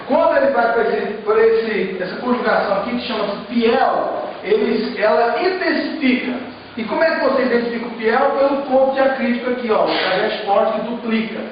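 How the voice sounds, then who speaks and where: Brazilian male Hebrew teacher, high voice, coaxing classroom patter, distant muffled recording. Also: brisk, slight background noise. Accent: Brazilian Portuguese. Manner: explains step by step, keeps checking with "tá certo?". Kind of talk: classroom lecture. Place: church classroom. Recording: muffled, echoey room, distant mic.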